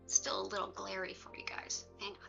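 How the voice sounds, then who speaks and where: Bright-voiced woman chatting on a livestream. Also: medium pitch, completely flat delivery, quick pace, vocal fry, lo-fi sound, faint music behind. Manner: conversational, chatty asides to viewers. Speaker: livestream host and reiki practitioner. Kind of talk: casual livestream chat with viewers.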